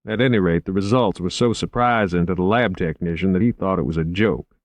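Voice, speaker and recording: Man voicing urbane, low-voiced, drily witty investigator. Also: no room sound. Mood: relaxed, wry. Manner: genteel, measured, dry. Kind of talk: audiobook character acting.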